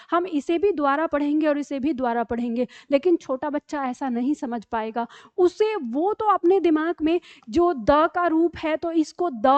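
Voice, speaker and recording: A woman teacher walks through a grammar lesson step by step, often stopping to check that her students follow. Her voice sits high, and the recording is dry and a little dull. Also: no echo. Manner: explains step by step with frequent "ठीक है?" checks. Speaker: Hindi teacher.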